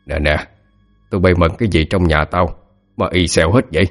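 A man voicing the ghost of a grumpy old rich village man, speaking in a gruff, bossy way that turns quiet and distant. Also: deep voice, brisk, in a large hall, faint music behind, natural voice. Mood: gruff alarm.

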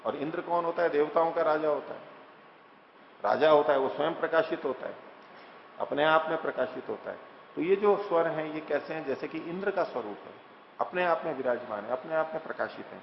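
Male scripture teacher, measured recitation then plain explanation; dull echoey hall recording. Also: fairly high pitch, lively intonation, creaky, slight background noise. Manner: recites verses slowly, then explains plainly with rhetorical questions. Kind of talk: scripture lecture.

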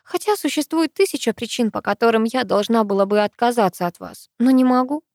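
Woman doing a hurt young student, higher pitched. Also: expressive, brisk, a little mellow, dry recording, clean studio sound. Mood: heartfelt.

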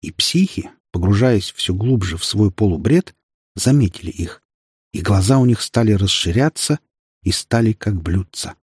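A man narrating a dramatic audiobook in an expressive storytelling manner. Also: fairly low pitch, normal speed, husky, no room sound, studio quality.

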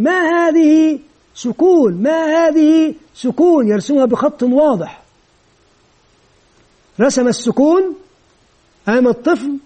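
A man's voice: very high-pitched, mellow. A man giving an instructional lecture for teachers, explaining step by step and asking and answering his own questions. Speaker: teacher trainer.

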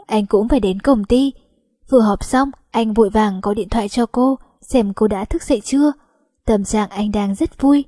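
A woman narrating a romance audiobook with a steady storytelling delivery. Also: mid-range voice, dry recording, studio quality.

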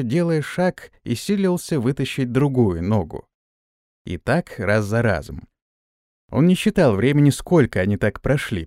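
Male audiobook narrator: steady, animated pitch, dry close sound. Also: no echo. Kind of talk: scripted narration.

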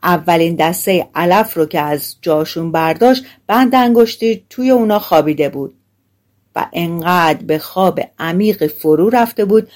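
A woman narrating a fairy tale audiobook in a relaxed, colloquial storytelling way. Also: fairly low pitch.

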